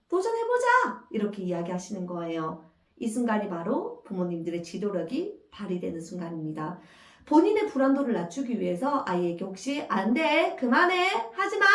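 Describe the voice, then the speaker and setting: A woman's voice: medium pitch, darkish tone. A middle-aged woman giving a parenting lecture, who acts out parent and child lines in a raised voice. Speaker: parenting educator. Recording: echoey room, mic at a distance.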